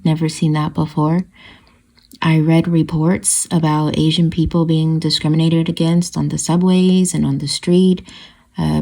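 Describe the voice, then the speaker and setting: A middle-aged woman, a social epidemiologist, narrating her own story in a measured, reflective way. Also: low voice, dark tone. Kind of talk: documentary narration.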